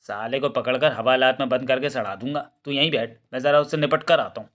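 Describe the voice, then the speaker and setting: Man voicing a loud bumbling police constable, coarse, blustering, quick to threaten, comic storybook audio. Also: medium pitch, natural voice.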